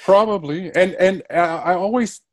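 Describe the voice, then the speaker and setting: A high-pitched man talks at a normal speed, hesitant and prone to restarts, in a dry recording. He appears as a guest in a reflective interview; he is from Germany and grew up speaking Spanish.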